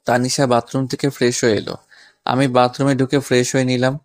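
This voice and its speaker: A man tells a romantic audio story in the first person. His voice stays flat and even, with little rise and fall. The recording is dry and close. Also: medium pitch, fairly quick, no room sound. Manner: plain, even storytelling with casual banter. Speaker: narrator and lead voice actor.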